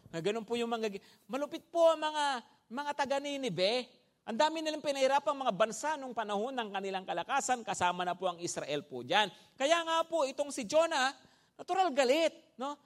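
A high-pitched man delivering an animated sermon, switching between Tagalog and English. He keeps checking in with his listeners by asking "no?" and acts out his stories with loud sound effects. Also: normal speed. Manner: animated, often asks "no?" and "di ba?" of listeners. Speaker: preacher. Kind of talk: Taglish sermon.

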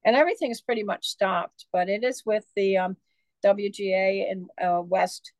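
A woman's voice: mid-range voice, moderate pace, a little mellow, no room sound. A woman author being interviewed, telling long rambling stories with many fillers. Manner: chatty, digressive, many fillers. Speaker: author guest. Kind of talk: casual storytelling interview.

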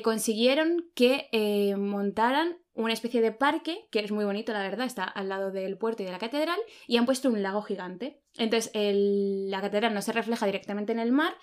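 A woman from Spain, chatting casually as a podcast co-host, laughing often and filling pauses with "eh". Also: on the high side. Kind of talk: casual chat.

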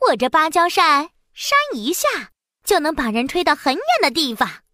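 Bratty Princess Iron Fan, very high. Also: female voice, pushed and bright, no echo, clean studio sound, exaggerated voice. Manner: huffy, scolding, sulky. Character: haughty, bratty young female princess. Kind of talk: children's storybook voice acting.

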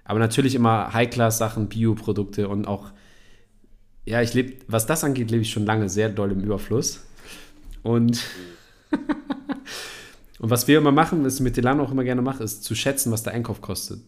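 A man in his thirties hosting a podcast in casual chat, animated and slangy, laughing often as he tells stories. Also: fairly low pitch, fairly quick. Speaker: podcast host.

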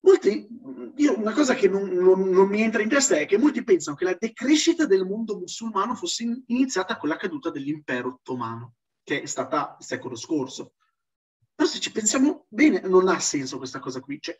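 A man with a high-sitting voice gives an informal lecture in a live online religious history seminar with chat, explaining things emphatically and didactically like a teacher, often checking in with "ok?" to make sure listeners follow. His microphone sounds dull, distant and lo-fi.

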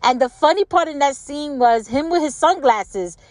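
A woman's voice: high voice, animated, moderate pace, no room sound. Older woman chatting casually, close dry sound. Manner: repeats words and phrases for emphasis; conversational, checks in with rhetorical questions. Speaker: solo commentator. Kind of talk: casual rambling chat.

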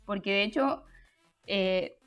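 A woman's voice: medium pitch, slow pace, clear, resonant tone, soft background music. A young woman hosts a live stream, explaining her points chattily and answering the chat, with frequent fillers and restarts.

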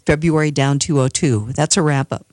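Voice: medium pitch, steady tone, normal speed, a little mellow, no echo. A radio market reporter reading a scripted list of commodity closing prices.

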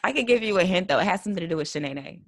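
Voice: mid-range voice, animated, rapid-fire, fairly bright tone, no echo. A young adult podcast host who talks in an upbeat, giggly, conversational way while running the interview. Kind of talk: casual interview chat.

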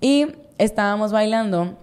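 A woman's voice: mid-range voice, moderate pace, darkish tone, smooth. A young woman with a Mexican accent, telling a story in a casual, slangy podcast chat, with lots of repetition. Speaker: podcast co-host.

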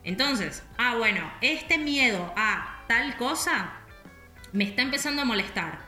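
A woman's voice: on the high side, expressive, unhurried, bright, forceful tone. A woman with a Rioplatense Spanish accent, chatting in a casual, reflective way and full of little fillers as she thinks aloud. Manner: chatty, with many "o sea" and "no sé" fillers. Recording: echoey room, faint music.

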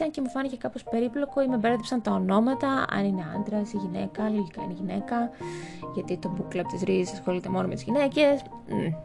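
A woman's voice: medium pitch, gravelly. A young adult woman chatting through a list of books, with wry asides and stumbles over foreign titles. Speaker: book vlogger. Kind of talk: casual book review narration. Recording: music playing behind the voice.

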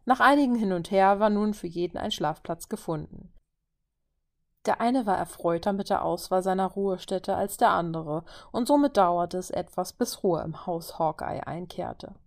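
Narrating a story aloud, a woman with a lowish, creaky voice reads at normal speed, taking on every figure in turn and raising her voice for their dialogue.

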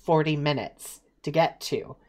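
A young woman from Eastern Ontario, Canada, tells stories in casual chat. Her voice is low-pitched and a little slow, and she's chatty and animated, with lots of fillers.

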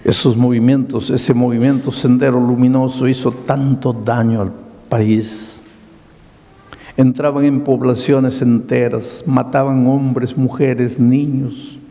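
A male pastor preaching a sermon, telling stories slowly with dramatic pauses, in a long hall reverb. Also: mid-range voice, level tone, creaky, dark tone. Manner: slow storytelling with dramatic pauses.

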